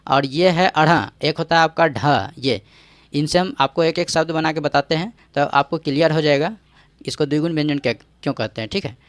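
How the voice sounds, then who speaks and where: With no room sound, a man's fairly high voice proceeds at normal speed through an exam-prep grammar lesson. The teacher explains each step, regularly checks in with "ठीक है," and quizzes viewers using rhetorical questions.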